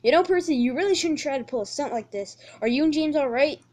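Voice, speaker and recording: A kindly old engine who gently scolds and checks that everyone is all right, put on by a woman in a homemade story. He speaks calmly in a fairly high voice. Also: fast. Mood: lecturing. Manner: calm, lecturing.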